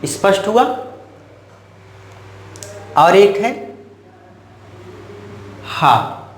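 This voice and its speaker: A male teacher with a fairly high voice leads a grammar lesson at an unhurried pace. He repeats sounds again and again and fires questions at the class before he answers them. The room around him is echoey. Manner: drills sounds aloud, asks questions and answers them himself.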